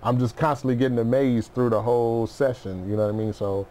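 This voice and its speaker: This middle-aged music producer, appearing as an interview guest, keeps things loose and slangy, spinning stories and dropping "you know what I mean" a lot. He has a mid-range, dark-toned voice with fairly even intonation, a somewhat quick pace, and a touch of hiss or hum.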